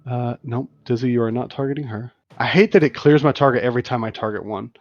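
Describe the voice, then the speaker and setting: A man's voice: mid-range voice, fast talker, no room sound. A man narrating as game master in a livestreamed tabletop game, describing scenes with frequent restarts and fillers. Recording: lo-fi stream audio with faint music.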